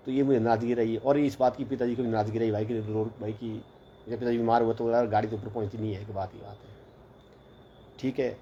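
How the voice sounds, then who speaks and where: A chatty man from northern India rambles through a casual story, addressing his listeners as brothers and quoting everyone he talks to. His voice sits at an ordinary middle pitch. The audio is a little dull and lo-fi, with faint noise in the background. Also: little pitch movement, brisk, mellow. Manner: rambling, chatty, repeats "bola" and "bhai". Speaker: hostel mess teacher.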